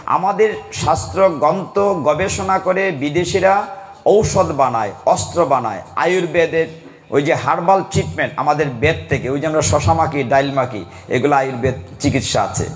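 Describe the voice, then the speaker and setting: A man's voice: on the high side, normal speed. A man preaching a devotional sermon to a gathering, asking the audience questions and calling for responses. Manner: animated, asks the audience questions and calls for responses. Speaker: kirtan preacher.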